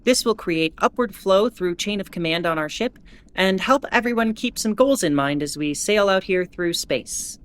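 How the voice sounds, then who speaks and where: A woman playing a starship captain who gives formal, measured bulletins with dry asides in an audio drama. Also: medium pitch, animated, lightly acted. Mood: formal, composed. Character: female starship captain reading an official ship bulletin. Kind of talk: scripted in-character announcement, audio drama.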